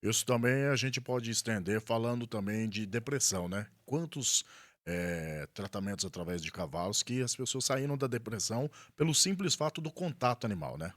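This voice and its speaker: A man's voice: mid-range voice, animated, normal speed, no room sound, clean studio sound. A man hosting a podcast, asking guiding questions and giving short affirmations. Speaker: podcast host. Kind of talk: interview conversation.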